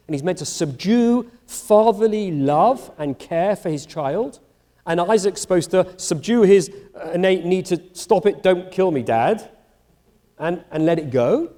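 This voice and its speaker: A middle-aged rabbi gives a public university lecture, animatedly acting out each exchange in different voices with wide pitch swings. His mellow voice is fairly high for a man, and the large chapel gives it a long, ringing reverb.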